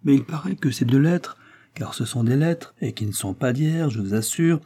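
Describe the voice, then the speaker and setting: A man's voice: mid-range voice, animated, normal speed, warm tone, pitched above the performer's own voice, close to an everyday voice. A man doing a boastful sturdy courier. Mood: confiding. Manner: boastful, self-assured. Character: proud sturdy male mail courier, boastful.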